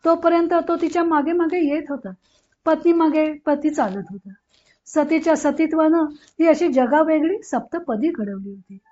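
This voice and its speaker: A woman reads a literary novel aloud in a measured, expressive way. Her voice sits high. The recording sounds dull and lo-fi. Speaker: audiobook reader.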